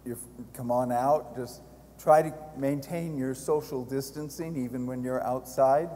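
An older male priest speaks informally to mourners, gentle and unhurried. His tone is mellow and relaxed, and a long church reverb surrounds each phrase. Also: mid-range voice. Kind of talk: informal funeral address. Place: large church, standing by the altar.

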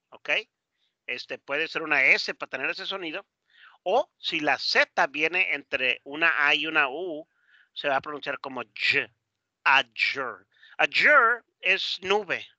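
A man with a Mexican Spanish accent, teaching English phonetics in Spanish, slowly modelling single sounds and checking in with "¿verdad?" and "¿ok?". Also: on the high side, pushed and bright, no room sound. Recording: dry, slightly dull lo-fi sound.

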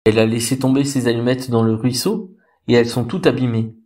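Prince de conte, grave et compatissant, un homme lui prêtant sa voix sur un rythme lent et solennel. Ses ordres restent doux mais fermes. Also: male voice, medium pitch, steady tone, dark tone, far from the mic, natural voice. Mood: solemn. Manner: slow, solemn, commanding. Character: noble, compassionate golden prince statue, male.

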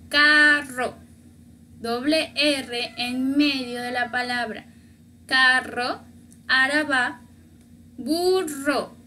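A woman with a high, bright voice teaches a beginners' language class. She talks at an unhurried pace and repeats each example word slowly and patiently so learners can copy it. A faint hiss of background noise sits under her voice. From Mexico. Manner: patient, repeats words slowly to model pronunciation. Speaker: Spanish teacher.

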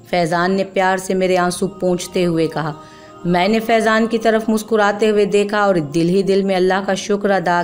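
A woman's voice: mid-range voice, a little mellow. Woman narrating an emotional audio story.

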